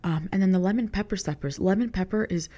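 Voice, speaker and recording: A young woman content creator delivers a rambling podcast monologue at a fast clip, her mid-range voice sounding mellow. She stuffs nearly every sentence with "like."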